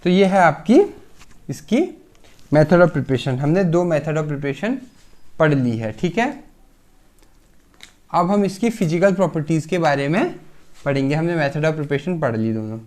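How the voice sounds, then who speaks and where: A man's voice: sits high, a little mellow. A man giving a casual pharmacy chemistry lecture. He explains step by step, asks himself questions and answers them, and keeps checking in with "theek hai".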